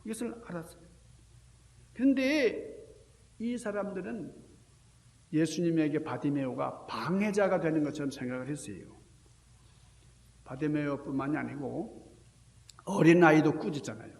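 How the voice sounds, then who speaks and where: Brief: male pastor preaching, animated storytelling, slightly high voice, roomy sanctuary sound. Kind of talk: Sunday sermon. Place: church sanctuary. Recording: echoey church hall reverb.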